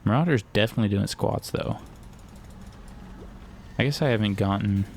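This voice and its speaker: A man's voice: on the low side, moderate pace, darkish tone, slight background noise. A young man giving casual, rambling commentary while playing a video game, cracking crude jokes as he goes. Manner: rambling, joking, crude humor. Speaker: gaming streamer.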